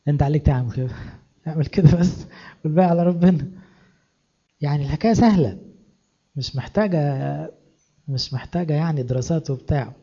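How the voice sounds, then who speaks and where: A man preaching a sermon in an Egyptian accent, animated, rising to loud exhortation and dropping to hushed asides. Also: fairly high pitch, fast, pauses often, highs cut off. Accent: Egyptian Arabic.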